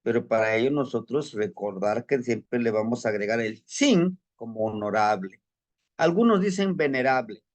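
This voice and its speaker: A man with a Mexican Spanish accent teaching a language lesson slowly and patiently, repeating each word for learners and checking in with short questions. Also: mid-range voice, animated.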